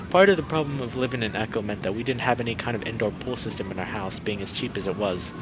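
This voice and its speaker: Speaking briskly at a fairly low pitch, a young game streamer chats with his audience and reads lines from a visual novel during a relaxed let's play. The recording has a noisy background.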